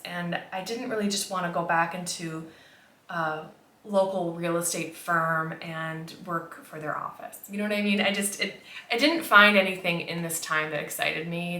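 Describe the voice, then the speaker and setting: A woman's voice: on the low side, sharp tone, a little hiss or hum. An American woman chatting casually and candidly to camera as a makeup vlogger, in a reflective, conversational way. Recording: roomy, echoey indoor sound.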